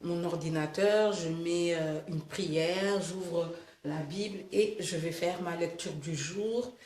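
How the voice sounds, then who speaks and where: A woman from Senegal talks her viewers through her morning in a relaxed, chatty vlog. The room around her gives the voice a clear echo, with a faint hiss underneath. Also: lowish voice, slow. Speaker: lifestyle vlogger. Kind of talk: casual vlog chat. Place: room at home. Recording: echoey room, faint noise.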